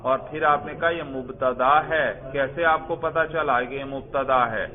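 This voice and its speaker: A man's voice: medium pitch, fairly even intonation. Man teaching grammar over a tinny line. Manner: drills students step by step and praises answers. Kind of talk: classroom grammar lesson with questions to students. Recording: tinny phone-like sound.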